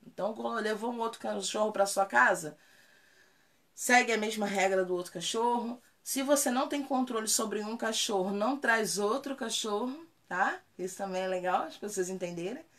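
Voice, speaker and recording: A woman's voice: mid-range voice, moderate pace, a bit bright. A woman dog trainer talking casually in a live Q&A, answering viewer comments and repeating key points for emphasis.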